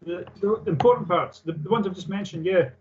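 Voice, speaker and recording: A man's voice: high voice, brisk, slight background noise. A man teaching a technical class, reading out points and explaining them in a matter-of-fact, informal way. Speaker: technical instructor. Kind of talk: classroom lecture on aircraft engine maintenance, reading and explaining. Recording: dull lo-fi sound.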